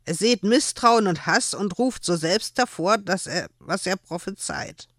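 A woman's voice: medium pitch, expressive, a little slow, a bit bright, no echo, clean studio sound, voice pushed up. A woman voicing an earnest young man who speaks firmly and reasonably.

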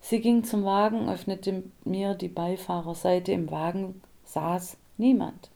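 A woman reads an audiobook in a calm, measured narration. Her voice is slow and gravelly. The tone sits dark and mellow. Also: mid-range voice.

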